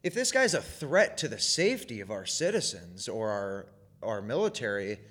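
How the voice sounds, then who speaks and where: A man's voice: on the low side, big pitch swings, moderate pace, fairly bright tone. A man co-hosting a casual podcast who argues his points with sarcasm. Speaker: podcast co-host. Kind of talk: casual chat.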